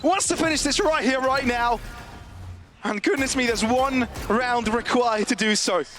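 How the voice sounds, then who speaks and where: High-pitched, excitable male esports caster. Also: a little slow. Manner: excitable, dramatic, builds into shouted calls. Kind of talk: esports play-by-play commentary.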